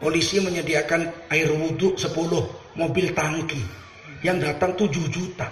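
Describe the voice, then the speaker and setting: A middle-aged man from Medan preaching a humorous sermon, telling lively stories and acting out little scenes. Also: a little high, moderate pace, roomy sound. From Medan, Indonesia. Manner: animated storytelling with acted voices.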